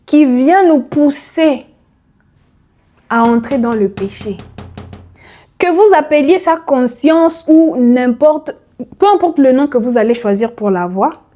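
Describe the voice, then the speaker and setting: Mellow woman preaching to her listener. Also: on the high side. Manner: rhetorical questions, addresses listener directly. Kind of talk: motivational sermon.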